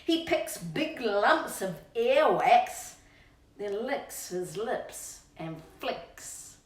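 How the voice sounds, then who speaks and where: Reading to children extremely slowly, a storytime host uses a slightly high, sing-song voice, drawing out words and talking to her pet dog along the way. Her playful storybook narration comes through a distant microphone with a roomy echo.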